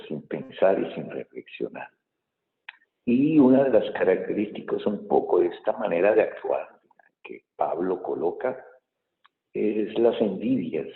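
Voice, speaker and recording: A low-voiced priest speaks in a measured, thoughtful way, his words ringing in a long cathedral echo. The sound is thin and tinny, as if heard over a phone line. He pauses and hesitates now and then as he preaches. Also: creaky. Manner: measured reading, thoughtful homily with pauses and fillers. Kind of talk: Mass reading and homily. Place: large church. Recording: echoey church hall, tinny phone-like sound.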